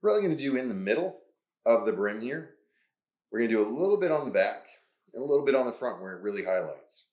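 A man's voice: mid-range voice, sing-song, fast talker, a little mellow, reverberant. A man hosting a hands-on craft tutorial, who talks upbeat through each step. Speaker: host.

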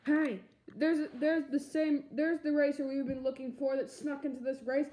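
A woman's voice: high-pitched, fairly even intonation, moderate pace. A young player voicing toy race cars on a carpet, switching between playful character voices, recorded on a handheld phone. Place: carpeted room indoors. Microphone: handheld phone camera. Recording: loud handling noise from phone.

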